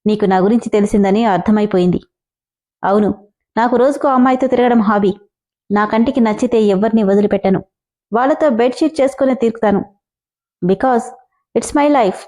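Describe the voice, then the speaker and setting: Woman doing a smug young husband, cold and blunt, lower than her usual voice. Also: moderate pace, long pauses, dark tone, natural voice. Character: arrogant unfaithful young husband, cold, unapologetic.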